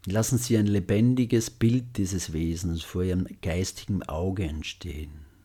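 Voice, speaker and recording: A man with a deep, slightly husky voice leads a guided meditation. He speaks very slowly and gently, leaving long pauses between phrases. The tone is mellow and subdued, and his sentence endings soften. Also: fairly even intonation. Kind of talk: guided loving-kindness meditation.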